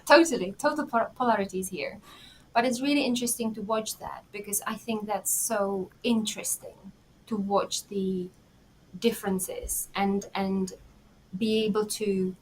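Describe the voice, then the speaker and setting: A woman in her thirties with a Czech accent, chatting as an interview guest, warm and giggly with many pauses and fillers. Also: medium pitch, fairly even intonation, slight background noise, rough recording. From Czech Republic. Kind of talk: casual interview talk.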